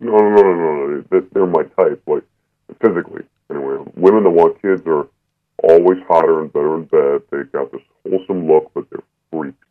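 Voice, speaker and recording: A man in his thirties calling in anonymously, his voice disguised deep by a voice changer, talking bluntly and without apology. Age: 30s. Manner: blunt, unapologetic, halting. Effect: voice changer making it disguised and deep. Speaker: anonymous caller. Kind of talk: call-in radio conversation. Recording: tinny phone line.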